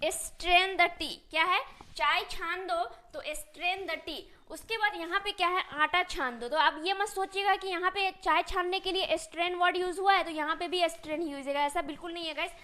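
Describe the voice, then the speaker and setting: A woman with an extremely high-pitched, sharp voice teaches spoken English in Hindi, answering the questions she keeps putting to her class and slowing to spell out each English phrase.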